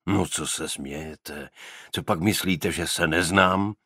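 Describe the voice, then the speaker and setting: A man's voice: sits low, pushed and bright, breathy edge, no echo, clean studio sound, exaggerated voice. A man voicing a grumbling, complaining male detective in an audiobook. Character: grumbling male detective, moaning about women. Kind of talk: audiobook character voice.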